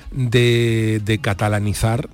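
A man's voice: on the low side, little pitch movement, takes it slowly. Andalusian man hosting a radio chat. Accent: Andalusian Spanish. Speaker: radio host.

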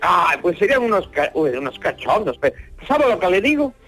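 Flustered, high-voiced Catalan peasant. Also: male voice, fairly quick, gravelly, soft background music, heavily acted. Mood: cheerful. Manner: rambling, stammering, excitable, apologetic. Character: flustered, earthy Catalan peasant man in a nativity scene. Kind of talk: radio comedy sketch interview.

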